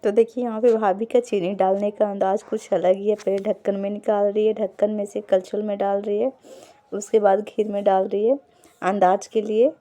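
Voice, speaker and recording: Woman vlogger for a casual voice-over; warm, dark timbre, level and even, talks viewers through each step. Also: medium pitch. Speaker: lifestyle vlogger. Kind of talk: casual voice-over narration of cooking footage.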